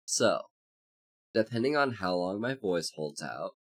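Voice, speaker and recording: Sounding congested and hoarse, a VTuber streamer holds a loose livestream chat, calling out viewers by name amid plenty of fillers and rambling. The voice is low.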